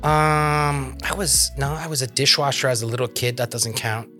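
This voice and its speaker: A man's voice: mid-range voice, level tone, moderate pace, bright, forceful tone, faint music behind. A man in his forties from France with a French accent, a chef co-hosting a casual chat and explaining things carefully. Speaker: chef co-host.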